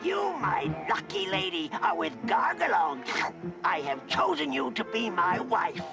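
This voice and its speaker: A man voicing a boastful, smug, pompous male toad suitor in an animated cartoon. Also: high-pitched, a little slow, gravelly, full character voice. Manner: pompous, self-satisfied. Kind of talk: animated cartoon character acting. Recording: music behind, VHS cartoon soundtrack.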